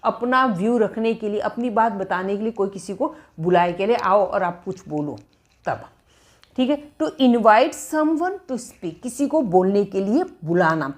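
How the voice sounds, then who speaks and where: A woman's voice: mid-range voice, expressive, moderate pace. A woman teaching English phrasal verbs, repeating and dictating example sentences as she explains.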